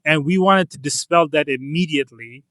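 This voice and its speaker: A man's voice: on the high side, normal speed, fairly bright tone, no room sound. A man from Ethiopia, a comics publisher, answering interview questions in an earnest, casual way, often restarting phrases. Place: comic convention floor.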